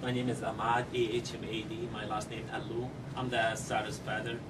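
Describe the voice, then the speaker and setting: A middle-aged Syrian man, a parent at a press conference, delivers a halting prepared statement and then answers questions from his seat at a conference-room table. His fairly low voice is full of ums and non-native grammar. He speaks into table microphones but is heard through a far camera, with a distant mic sound and steady background noise.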